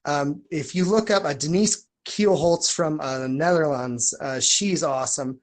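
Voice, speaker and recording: A woman's voice: low-pitched, a little slow. A woman in her thirties co-hosting a casual chat, informal and slangy with a joking streak. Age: 30s. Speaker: podcast co-host.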